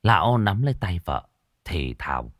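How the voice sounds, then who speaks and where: A man narrating a ghost story in an expressive, dramatic way, dropping to hushes and rising again. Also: sits low, moderate pace, dry recording, studio quality. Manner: expressive, swinging between hushed and loud.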